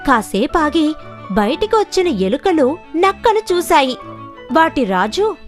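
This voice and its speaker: Over background music, a woman tells children's fables in a scripted storytelling style. Her high voice is very animated, though she keeps a measured pace.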